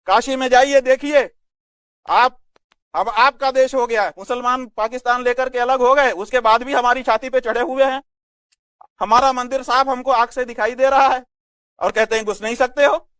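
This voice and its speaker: A man's voice: very high-pitched, steady tone, normal speed, a bit bright, smooth, dry recording, studio quality. A man, a religious leader, arguing insistently in an interview and interrupting the questioner. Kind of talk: heated interview debate.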